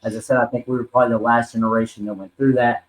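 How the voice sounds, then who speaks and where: In a podcast interview, a man in his forties who works as a wrestler and talent manager rambles earnestly through his life story, with plenty of ums and restarts. His delivery is flat and rapid-fire in a mid-range voice. The recording is rough, with a roomy sound.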